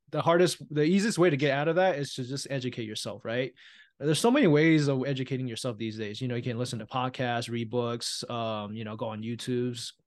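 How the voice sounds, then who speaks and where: Interview guest, male, thirties, from Taiwan. Reflective, conversational, mid-pitched. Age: 30s. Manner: reflective, often asks "right?". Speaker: guest, real estate investor. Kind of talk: casual interview chat.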